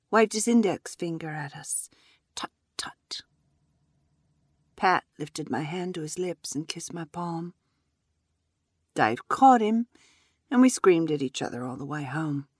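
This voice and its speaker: A woman narrating a first-person story in a measured, reflective way. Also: fairly low pitch, dry recording, clean studio sound.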